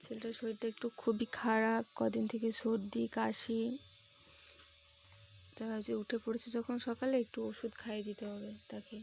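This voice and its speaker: A young woman with a fairly high voice chats casually into a phone camera at home. Her throat is sore, and she talks to her viewers in a friendly way. Faint noise sits behind her voice. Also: flat delivery, normal speed, gravelly, darkish tone. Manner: chatty, coaxing her child in a sing-song voice. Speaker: vlogger. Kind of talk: casual home vlog talk.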